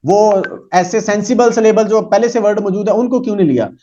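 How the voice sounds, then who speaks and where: A man teaching a psychology lesson. He reads English lines slowly and explains them with many fillers. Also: high-pitched, dark tone. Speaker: psychology lecturer. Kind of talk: lecture reading English text and explaining in Urdu-Hindi. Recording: dull lo-fi recording.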